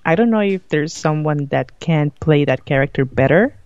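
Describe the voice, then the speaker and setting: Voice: mid-range voice, animated, moderate pace, darkish tone, dry recording, dull audio. A co-host in a casual chat, speaking hesitantly with many restarts and frequent laughter.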